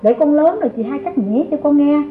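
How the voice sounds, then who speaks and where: An actress playing a humble, long-suffering young mother and servant who speaks meekly and pleads softly, in an old radio drama. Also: sits high, animated, quick pace, a little hiss or hum. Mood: tender. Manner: meek and pleading, tender with the child. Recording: tinny, phone-like old recording with music.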